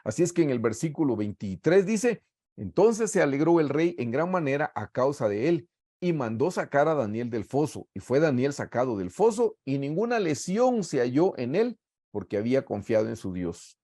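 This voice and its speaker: A man's voice: medium pitch, sing-song, moderate pace, dark tone. A middle-aged man with a Guatemalan accent teaching a Bible study in a sermon style over a video call. He reads scripture aloud and then explains it earnestly to his listeners. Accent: Guatemalan Spanish.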